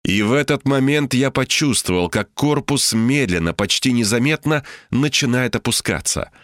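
Brief: male narrator, dramatic first-person storytelling, lively intonation, dry close sound. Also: mid-range voice, moderate pace, no room sound.

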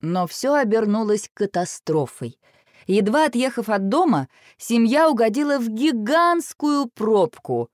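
A woman reads a children's storybook aloud, expressive and animated. Her pitch moves lively through each sentence, and the recording is dry and close to the mic. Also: unhurried, dry recording. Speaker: narrator.

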